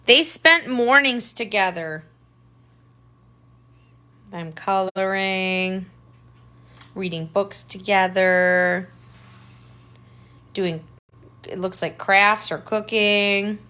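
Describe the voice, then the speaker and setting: A woman tutor reads a picture book aloud to children, pausing for simple asides and questions that point things out. Her mid-range voice is clear, resonant and sharp in tone, with drawn-out words and long pauses.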